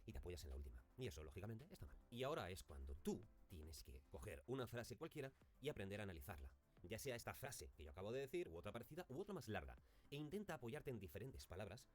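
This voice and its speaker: A man's voice: on the low side, a little mellow. A man, a teacher giving a recorded lesson on intonation and demonstrating stressed words in example phrases. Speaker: speech teacher.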